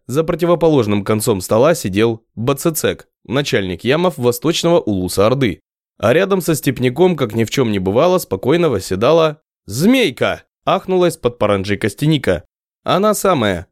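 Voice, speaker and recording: A man narrating an audiobook in a lively storytelling manner. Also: mid-range voice, dry recording, clean studio sound. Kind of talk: scripted narration.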